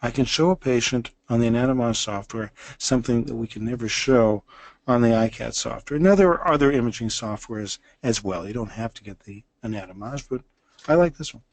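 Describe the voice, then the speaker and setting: A man's voice: medium pitch, fairly quick. A man in his sixties giving a lecture that walks listeners through a dental case. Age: 60s. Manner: explanatory, walks through images step by step.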